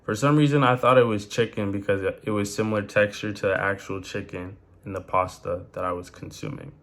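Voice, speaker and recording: Young male vlogger, low-pitched, casual and slangy, lots of "like" and "you know". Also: a little fast, vocal fry. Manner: rambling, filler-heavy, slangy, animated. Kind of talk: casual talk to camera.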